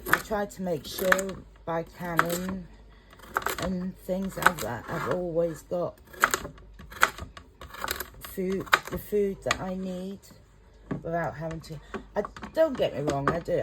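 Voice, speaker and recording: Filming a relaxed cooking vlog at home, a middle-aged Englishwoman chats and wanders off topic in her kitchen, sounding slightly self-conscious. She has a lowish voice with lively intonation, speaks slowly with frequent pauses, and the recording picks up a lot of noise.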